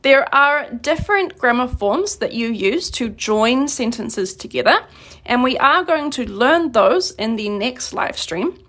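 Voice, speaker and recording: A woman from New Zealand teaching a live-streamed grammar lesson, explaining patiently and clearly, slowing down on her examples. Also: on the high side, animated, a bit bright. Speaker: Korean language teacher.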